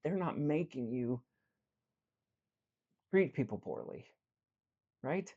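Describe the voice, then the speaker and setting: A man in the role of a life coach talks straight to his listeners in an earnest motivational style. He swings between animated stretches and quieter ones while he tells a story. His voice sits at an ordinary middle pitch, and the recording sounds a little dull and lo-fi. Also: slow.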